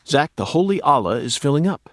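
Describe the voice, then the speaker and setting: A man's voice: on the high side, big pitch swings, brisk, fairly bright tone, dry recording. An actor playing a composed, wry male FBI agent who muses formally in a video game. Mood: wry, concerned.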